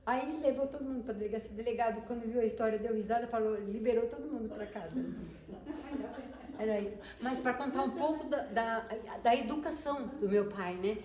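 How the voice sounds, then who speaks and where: A woman's voice: fairly high pitch, brisk, a little mellow. A woman telling a personal story casually to a group, chatty, with restarts and acted-out quotes. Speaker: participant sharing a story. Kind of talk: casual anecdote in a group talk. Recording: echoey room with background noise.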